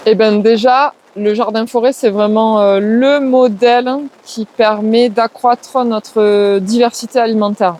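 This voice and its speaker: A permaculture trainer from southwest France, with the region's accent, answers interview questions as a guest, explaining at length, listing things off and hesitating constantly with lots of "euh" and "ben." Her voice is fairly high with fairly even intonation and a darkish tone, unhurried and with few pauses.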